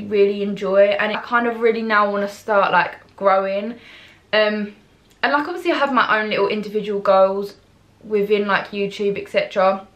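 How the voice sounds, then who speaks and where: A woman's voice: mid-range voice, a bit bright. A young woman chatting through her makeup routine in a rambling vlog, full of ums and likes, recorded at home on a camera mic. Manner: rambling, filler-heavy, many ums and likes. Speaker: beauty vlogger. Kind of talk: chatty get-ready-with-me vlog. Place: at home, in front of a mirror.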